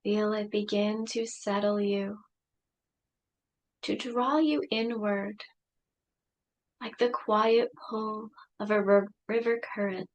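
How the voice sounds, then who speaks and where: A woman leading a guided meditation, speaking softly and soothingly with long pauses. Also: mid-range voice, fairly even intonation.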